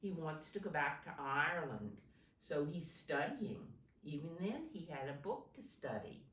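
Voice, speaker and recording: Reading a picture book to small children, a low-voiced teacher goes a little slowly, keeping things simple and instructive as she points out the pictures and prompts her listeners. Her intonation swings lively, and the sound is roomy and a bit distant with faint background noise.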